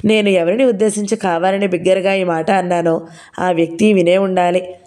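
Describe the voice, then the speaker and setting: Mellow-voiced woman narrating a novel. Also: lowish voice, normal speed. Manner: steady storytelling. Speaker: audiobook narrator. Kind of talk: first-person novel narration.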